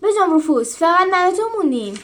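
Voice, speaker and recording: A woman voicing a bossy, boastful young male gladiator leader who shouts orders and scorns his teammates. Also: very high voice, animated, pitched above the performer's own voice. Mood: bossy, scornful.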